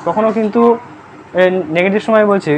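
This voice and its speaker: Brisk classroom grammar teacher, quizzing. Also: mid-range voice, steady tone, a little hiss or hum. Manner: quizzes students constantly, checking "understood?"; spells words letter by letter. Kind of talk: live classroom lesson in Bengali. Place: classroom with pupils present.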